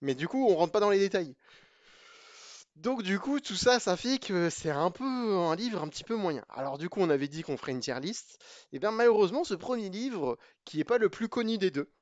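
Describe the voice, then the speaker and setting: Hesitant man with a fairly high voice. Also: big pitch swings, moderate pace, no room sound, highs cut off. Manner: hesitant, many fillers and restarts; chatty and opinionated, addresses viewers directly. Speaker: video creator reviewing programming books. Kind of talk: casual spoken book review.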